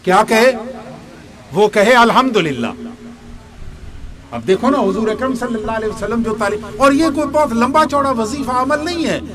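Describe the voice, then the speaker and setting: A man's voice: very high voice, few pauses, crowd noise. An older man from Pakistan giving a sermon, explaining step by step, asking questions and answering them himself, with asides in Punjabi. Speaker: religious teacher.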